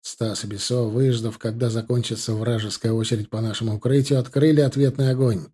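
In a steady, measured way, a man reads a first-person novel aloud as an audiobook narrator. His voice is husky and sits in the mid range.

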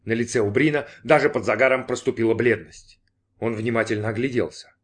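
Expressive male audiobook narrator. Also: medium pitch. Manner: expressive, measured storytelling.

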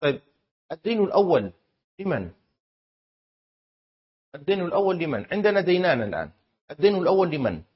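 A man teaching a class on Islamic law, quizzing students and repeating key terms slowly with emphasis. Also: a little high, sing-song, husky. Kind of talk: classroom lesson with student exercise. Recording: dull lo-fi classroom recording.

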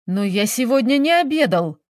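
A woman's voice: on the high side, big pitch swings, moderate pace, no echo, clean studio sound, voice pushed up. A woman voicing a playful, whiny grown man, a detective who pleads and wheedles, in an audiobook. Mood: whiny, wheedling.

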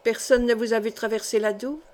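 A woman reading the part of a sorrowful, reserved young noblewoman, quiet and guarded, in an audiobook. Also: on the high side, steady tone, fairly quick, lightly acted. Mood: subdued.

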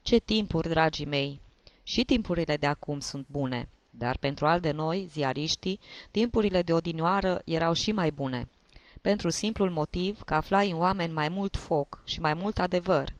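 A man's voice: fairly high pitch, dry recording, close to an everyday voice. A man voicing a tipsy old male journalist with a reedy tenor voice, giving rambling, sentimental toasts. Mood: nostalgic.

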